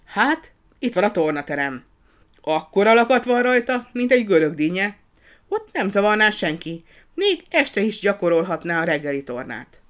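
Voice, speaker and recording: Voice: mid-range voice, sing-song, fairly bright tone, pitched above the performer's own voice. A narrator doing a muddled old porter. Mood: bewildered. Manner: bewildered, eager to please. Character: confused, dim-witted older male porter.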